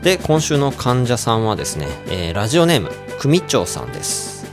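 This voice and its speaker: A man hosting a radio English lesson who plays a friendly doctor giving out cures and explains pronunciation in a relaxed, joking way. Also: medium pitch, moderate pace, over music. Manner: playful doctor role, casual asides. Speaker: radio show host and English coach.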